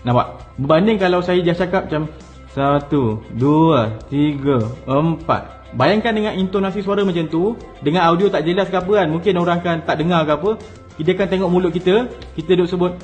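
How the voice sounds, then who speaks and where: A man with a Malaysian Malay accent talks through on-camera tips in a casual, step-by-step way. His voice sits a little high for a man. Soft music plays faintly underneath. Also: fast. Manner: easygoing, explains step by step with spoken demonstrations. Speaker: content creation coach. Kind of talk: casual instructional talk to camera.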